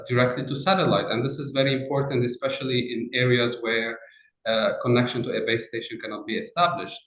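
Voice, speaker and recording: A middle-aged man from Lebanon, a professor answering interview questions, halting often with fillers and restarts. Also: mid-range voice, a bit bright. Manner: hesitant, many fillers and restarts. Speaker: professor and researcher. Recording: roomy echo.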